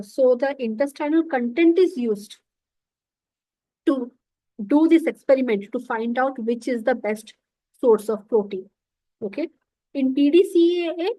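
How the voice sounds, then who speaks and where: A high-pitched woman lectures over a computer mic on a video call. She explains patiently, repeating key terms and checking in often. The sound is dry and close. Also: darkish tone, no room sound, rough recording. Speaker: nutrition lecturer. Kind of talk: online lecture.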